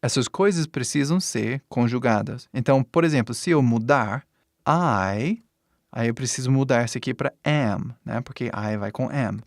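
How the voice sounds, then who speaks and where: A man with an English-speaking accent teaching a relaxed online lesson in Portuguese, checking in often with the listener. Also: mid-range voice, no echo, studio quality. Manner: patient, explains slowly with many "né?" checks.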